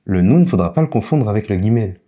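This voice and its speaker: Male teacher, low and mellow voice, slight foreign accent, patient and repetitive. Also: lively intonation, fast talker. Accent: foreign accent in French. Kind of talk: casual spoken lesson.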